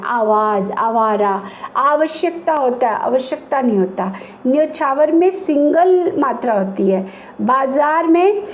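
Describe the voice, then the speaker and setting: Female teacher, high voice, patient and slow on each example word, light background noise. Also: darkish tone. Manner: patient, repeats example words slowly. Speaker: Hindi teacher. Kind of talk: explaining a grammar lesson to children.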